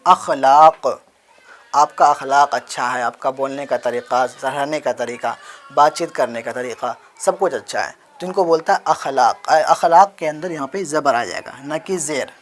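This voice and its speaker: A man with a mid-range voice and moderate pace gives an explanatory Urdu handwriting lesson. He patiently spells out the letters one by one and answers his own questions as he writes.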